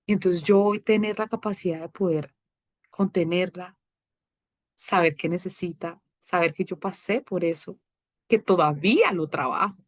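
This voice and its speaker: A woman's voice: medium pitch, dry recording, clean studio sound. A woman, a guest telling personal stories in casual talk and acting out the exchanges she recalls. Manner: animated storytelling, acting out quoted exchanges. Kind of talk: personal testimony in casual conversation.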